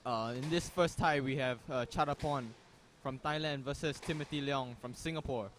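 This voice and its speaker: A young man giving relaxed, chatty live commentary on a squash match. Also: mid-range voice, moderate pace, a little hiss or hum. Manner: relaxed, chatty, says "man" and "you never know". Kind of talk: casual live sports commentary.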